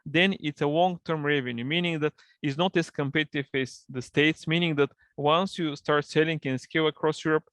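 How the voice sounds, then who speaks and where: A man's voice: on the high side, steady tone, fairly quick, few pauses, fairly bright tone, dry recording. Bulgarian guy on a video call, dry close sound, explains stuff in careful second-language english. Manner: fluent non-native English, explanatory. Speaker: guest, partnership manager. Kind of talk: online interview.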